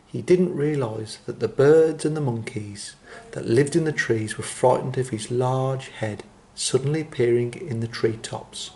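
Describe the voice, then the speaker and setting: A man reading a children's story aloud in a gentle, expressive way, slowing down for dramatic phrases. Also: mid-range voice.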